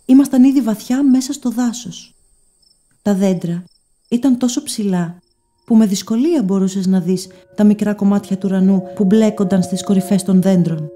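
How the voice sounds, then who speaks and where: A woman giving first-person scripted story narration in a soft, measured, dreamy way. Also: mid-range voice.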